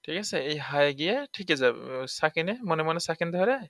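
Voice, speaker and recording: A man's voice: fairly high pitch, fairly quick, fairly bright tone, dry recording, clean studio sound. A man teaching tajweed. He spells words out letter by letter, stretches the vowels when he recites, and keeps asking the listener questions.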